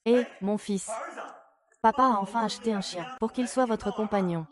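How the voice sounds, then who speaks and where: A woman's voice: medium pitch, normal speed, close to an everyday voice. A woman dubbing dialogue for a family drama with an emotional delivery. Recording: loud crowd noise behind.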